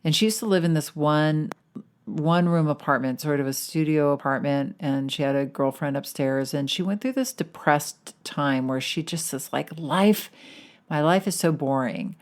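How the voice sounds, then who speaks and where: A woman's voice: sits low, normal speed. A woman hosting a podcast as a weight-loss coach, talking in a casual, enthusiastic and encouraging way.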